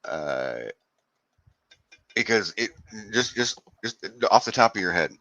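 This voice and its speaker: American man, low-pitched, dry close sound, rambling explanations. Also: big pitch swings, slow pace, bright, forceful tone, no room sound, poor audio. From United States. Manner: explanatory, stumbles over restarts. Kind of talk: casual chat.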